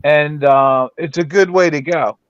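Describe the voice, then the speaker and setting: A man's voice: on the high side, measured pace, clear, resonant tone, dry recording, dull audio. A man in his fifties making his point on a casual live chat, earnest and persistent. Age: 50s.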